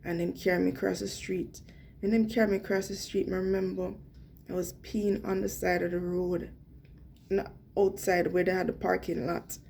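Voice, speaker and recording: A young adult woman with a Jamaican accent telling a personal story in an earnest, animated way, slipping into patois. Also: fairly low pitch, normal speed, gravelly, slight background noise. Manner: earnest, animated retelling with quoted dialogue and Jamaican patois slips. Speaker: vlogger.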